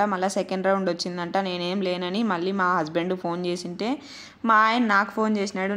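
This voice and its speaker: A woman in her thirties with a Rayalaseema Telugu accent, chatting through her family's daily routine as a vlogger and mother. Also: medium pitch. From Andhra Pradesh, India. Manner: chatty, homely storytelling. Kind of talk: casual narrated vlog voice-over.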